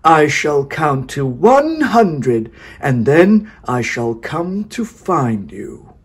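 A wicked, gloating storybook wizard, speaking high and unhurried, dragging out every word with menace. The voice is husky and swoops widely in pitch. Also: male voice, sing-song, full character voice. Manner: slow, drawn-out, booming menace. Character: wicked cackling male wizard, cruel and gloating.

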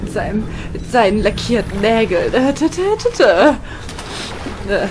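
A woman's voice: mid-range voice, expressive, measured pace, background noise. A woman co-hosting a casual let's play, jumpy and frantic, often screaming and chattering in panic.

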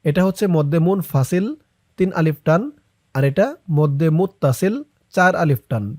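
A young man teaching Quran reading, explaining each sound and then chanting the verses slowly and drawn out. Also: on the high side, darkish tone, no echo, clean studio sound. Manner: slow, drawn-out chanting of verses between quick spoken explanations. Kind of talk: Quran recitation lesson.

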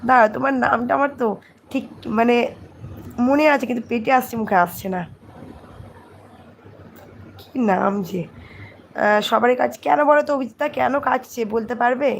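A hoarse woman, chatting casually on a phone livestream and greeting viewers by name. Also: a little high, normal speed, pauses often, a little hiss or hum. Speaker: live streamer. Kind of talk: casual live chat reading comments.

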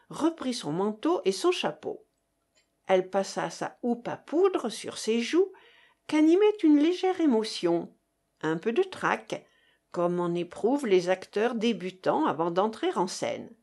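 A woman reading a classic novel aloud in a measured, expressive way. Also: medium pitch. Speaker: audiobook reader. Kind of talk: scripted narration.

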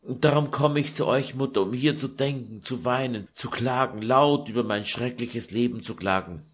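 A man's voice: normal speed, slightly rough, lightly acted. A man reading a German audiobook, voicing a young noblewoman who is weary and sad. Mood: plaintive. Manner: high plaintive lament.

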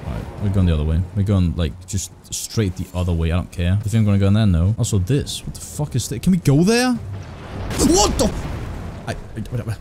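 Man, lowish mellow voice, casual profane game commentary, excitable, heavily compressed close mic, music behind. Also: fast talker, hardly any pauses, a little hiss or hum. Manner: excitable, exclaiming, talks to himself and the game. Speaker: gaming video host.

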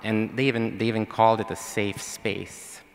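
With a fairly low pitch and a level tone at normal speed, a young Swedish-accented man from Sweden talks on a panel, holding a mic on stage in a large hall. He's hesitant, stumbling through ums and restarts, and the hall adds a long reverb.

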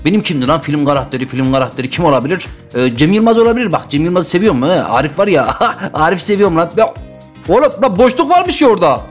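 A young man playing a Roblox game, chatting excitedly and addressing his viewers as he plays. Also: on the high side, quick pace, soft background music. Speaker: gaming YouTuber. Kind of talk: casual Roblox gameplay commentary.

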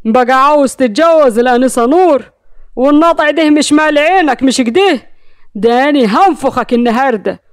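A woman's voice: sits high, animated, fairly quick, no echo, clean studio sound. Woman doing a furious jealous village strongman. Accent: Egyptian. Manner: threatening, shouting.

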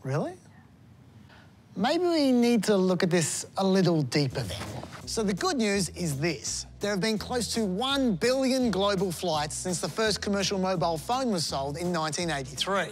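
A man's voice: high-pitched, very animated, moderate pace, a little hiss or hum. A man in his forties with an Australian accent, presenting a scripted comic explainer to camera in a sarcastic, mock-indignant way. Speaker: comedy presenter. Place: airport lounge and plane cabin.

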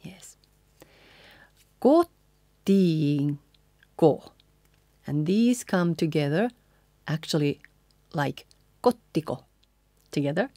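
A woman's voice: sits low, expressive, mellow, no echo, clean studio sound. A woman with a Finnish accent teaching pronunciation, modelling each phrase and asking the listener to repeat it together. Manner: models lines slowly, then has the listener repeat together. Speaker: singing teacher. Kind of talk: pronunciation lesson.

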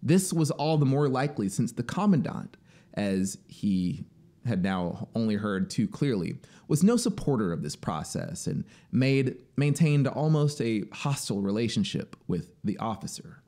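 A man in his thirties delivers audiobook-style dramatic narration of literary fiction in a sing-song, measured way, his medium-pitched voice dark in tone. He is recorded indoors at a small home music studio on a close boom-arm studio microphone.

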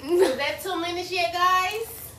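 Young woman teasing and boasting, high voice. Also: slow, sharp tone, a little hiss or hum. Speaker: vlogger. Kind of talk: casual challenge vlog. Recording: echoey room from a distance.

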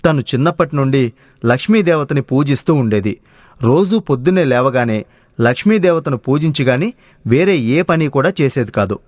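A man narrating a cartoon family story in an even, measured storytelling way. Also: medium pitch, no echo, clean studio sound.

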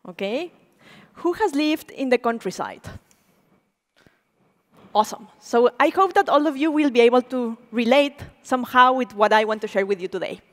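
A native Spanish-speaking woman in her forties, a program director, gives an animated public lecture from a large auditorium stage, drawing the audience in with questions. Her voice sits high. She walks about with a stage mic, and the hall adds a long reverb.

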